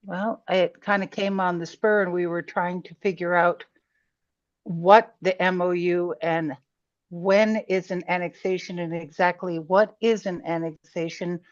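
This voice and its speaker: A woman's voice: fairly low pitch, fairly even intonation, a little slow. Woman on a lo-fi group voice call. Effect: heard over a group online voice call. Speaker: planning meeting member. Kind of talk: casual explaining in a meeting. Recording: dull lo-fi call audio, dry.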